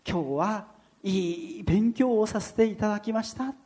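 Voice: medium pitch, measured pace, mellow, voice pushed up, lightly acted. A preacher voicing a drunk office worker, demanding. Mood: contrite. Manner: demanding, then abruptly apologetic. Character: drunk middle-aged male office worker, rowdy.

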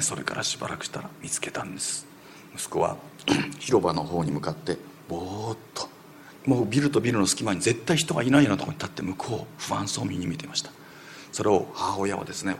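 This sermon is a quick, lively story from a man whose voice is deep and gravelly, with faint noise in the room. He dramatizes the voices he quotes and occasionally lowers to a whisper.

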